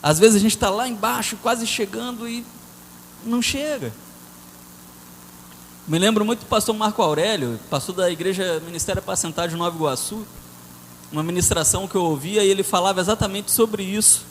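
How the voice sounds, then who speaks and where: A man preaching a sermon, telling a story in an animated way that swings between loud and soft. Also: high-pitched, brisk. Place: church hall. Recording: church hall reverb with faint noise.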